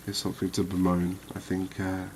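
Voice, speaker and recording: The host of a gaming video talks through the game with a low, flat voice, easygoing and conversational as he muses ASMR-style. Background noise is clearly present behind him.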